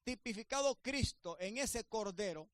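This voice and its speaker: Male pastor, sermon delivery, high voice, dry recording, emphatic rises with soft asides. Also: lively intonation, unhurried, no echo.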